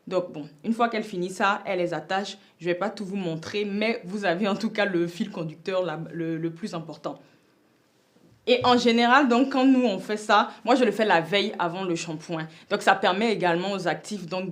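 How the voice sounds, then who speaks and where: A woman giving a casual hair-care tutorial as a vlogger. She explains with emphatic, lively stress on key advice and chats freely with frequent fillers and restarts. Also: mid-range voice. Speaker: beauty vlogger.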